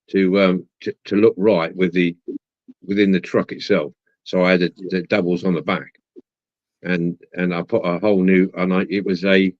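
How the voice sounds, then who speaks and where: Casting: deep-voiced male, rambling casual talker who repeats himself; dull, lo-fi audio. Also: dry recording. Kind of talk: casual chat.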